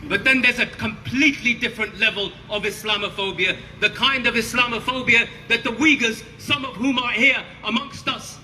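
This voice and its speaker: A man's voice: very high voice, normal speed, hardly any pauses, pushed and bright. A man giving an impassioned, roaring rallying speech to a crowd at an outdoor protest, putting emphatic questions to them. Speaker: protest speaker, former prisoner. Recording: noisy outdoor rally, reverberant amplified voice.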